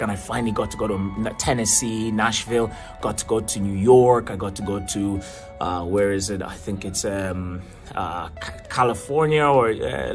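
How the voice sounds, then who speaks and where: Man, 30s, from Tanzania, casual vlog talk, rambling with restarts, faint background music. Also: fairly low pitch. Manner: rambling, many fillers and restarts. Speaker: vlogger and marketing coach.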